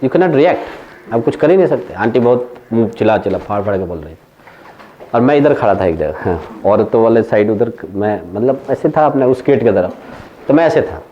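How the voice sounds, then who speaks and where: A man's voice: mid-range voice, animated, normal speed, dull audio, a little hiss or hum. A male economics teacher with an Indian accent, giving a classroom lecture that switches between Hindi and English and tells anecdotes. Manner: storytelling, mixing Hindi and English, laughing at his own anecdotes.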